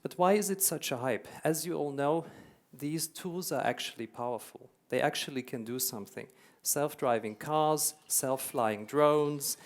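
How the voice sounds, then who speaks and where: In a conference hall keynote, a man with a slightly high voice talks unhurriedly yet with hardly any pauses. Originally from Hungary and raised in Germany, he has a German accent and is earnest and explanatory, using repetition for emphasis.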